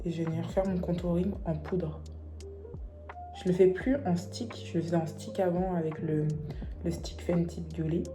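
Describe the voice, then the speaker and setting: A young woman chatting casually through a makeup tutorial, playful and self-mocking with quick asides. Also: fairly low pitch, level tone, over music. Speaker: beauty vlogger.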